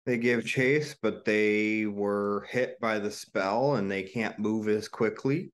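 A man running a tabletop game as game master, giving measured rulings. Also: on the low side, steady tone.

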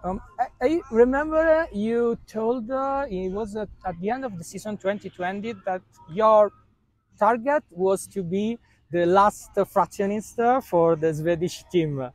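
A man with a high voice, a native Italian speaker, puts questions to an athlete in halting, broken English, hunting for words between fillers. The sound is close and dry. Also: dry recording, poor audio. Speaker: interviewer. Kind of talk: interview questions.

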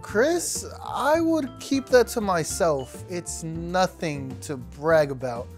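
Lively young man gushing about food. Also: fairly high pitch, slow pace, soft background music. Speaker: sketch comedy actor. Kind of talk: comedic sketch explaining a dish.

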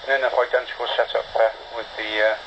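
A man's voice: mid-range voice, level tone, fairly quick. A man making a ham radio call, heard over a radio receiver, talking unhurriedly with hesitations and spelling out call signs. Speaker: amateur radio operator. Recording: muffled, hissy radio receiver audio.

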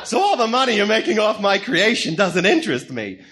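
The Joker, high-pitched manic villain. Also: male voice, sing-song, a little fast, fairly bright tone. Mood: gleeful menace. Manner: theatrical, taunting, cackling, sing-song menace. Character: manic, gleefully sadistic male clown supervillain, mocking gangster. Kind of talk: comic-book radio drama acting.

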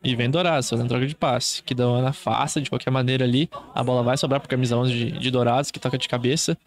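A man's voice: medium pitch, fairly even intonation, fast talker. A man with a Brazilian accent doing live football play-by-play as a commentator, in short clipped running phrases.

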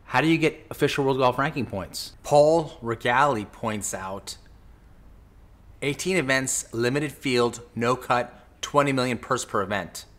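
A man in his forties hosting an opinionated commentary vlog from a small home office, talking close into a boom mic in a sarcastic, argumentative way. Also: measured pace, fairly bright tone. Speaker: host. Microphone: studio mic on boom, close.

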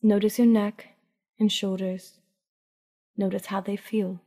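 A woman narrates a guided sleep meditation in the style of a sleep story, her medium-pitched voice calm, unhurried and soft, with phrases trailing off breathily. A long reverberant tail follows her voice.

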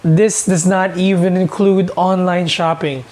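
A man's voice: high voice, flat delivery, a little slow, a little mellow. Filipino guy in his 30s doing a money vlog, chatty and earnest, keeps asking okay?, talks with his hands. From Philippines. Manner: gestures with his hands while talking. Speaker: personal finance vlogger. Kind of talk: talking to camera, mixing English and Tagalog. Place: small indoor room, seated in front of a couch.

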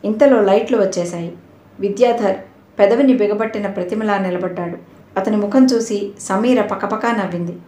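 A woman reads an audio novel aloud in scripted, measured narration. Her voice sits at a middle pitch and a roomy echo surrounds it. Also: dark tone. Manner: measured storytelling.

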